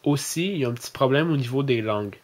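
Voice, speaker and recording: A man's voice: medium pitch, lively intonation. Hesitant Québécois man demoing a phone. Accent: Québécois French. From Quebec, Canada. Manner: hesitant, many fillers, louder and slower when giving voice commands. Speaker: tech video host. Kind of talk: casual tech demo.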